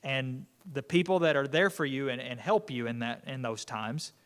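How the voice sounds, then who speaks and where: At normal speed and in a medium-pitched, slightly bright voice, a man gives an unscripted Bible class in a chatty way. He restarts his sentences a lot and leans on many fillers.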